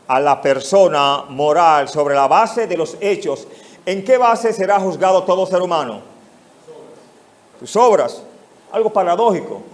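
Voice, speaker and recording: Here a male pastor whose voice sits high preaches an expository sermon in a Mexican Spanish accent, posing rhetorical questions directly to those listening.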